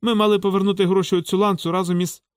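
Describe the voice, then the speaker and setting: A man's voice: high voice, level tone, rapid-fire, clear, resonant tone, no room sound, clean studio sound, voice pushed up, natural voice. A man voicing a teenage boy who explains with feigned solemn grief. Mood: mournful. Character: teenage boy con artist, earnest and mournful.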